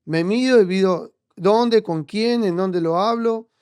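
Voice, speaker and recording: High, clear Argentine man interviewing. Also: unhurried, darkish tone, dry recording, studio quality. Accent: Argentine Spanish. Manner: reflective, hesitant, restarts often. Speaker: podcast host. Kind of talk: conversational interview.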